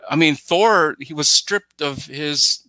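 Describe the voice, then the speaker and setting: Slow and sharp-toned, this fairly high male voice is captured in a dry recording. The speaker, a middle-aged podcast guest on a headset during a video call in a plain indoor room, rambles emphatically about films and slips into imagined quotes.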